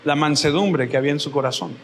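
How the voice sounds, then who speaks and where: A man preaching a sermon as pastor, telling Bible stories with lively energy and acting out the scenes. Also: a little high, fast talker, creaky, reverberant, in a large hall, slight background noise. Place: church.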